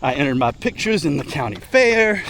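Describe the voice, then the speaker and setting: A middle-aged man chatting casually and ramblingly to his vlog while running, in short broken phrases with pauses. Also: a little high, very animated, fairly bright tone, a little hiss or hum, low-quality recording. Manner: talking while running, slightly effortful. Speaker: vlogger. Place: outdoors, on the move.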